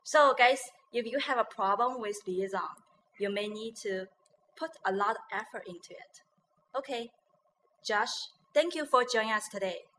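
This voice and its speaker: A woman hosting a pronunciation lesson in Chinese and English. She repeats English words slowly to demonstrate them and corrects herself as she goes. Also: fairly high pitch, bright, forceful tone, slight background noise. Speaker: host and pronunciation teacher.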